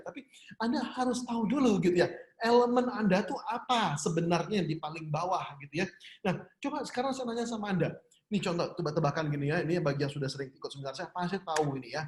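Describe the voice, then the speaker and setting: A man leads an online business seminar, chatty and quick to laugh as he puts questions to his audience. His voice sits a little high. The sound carries a roomy echo.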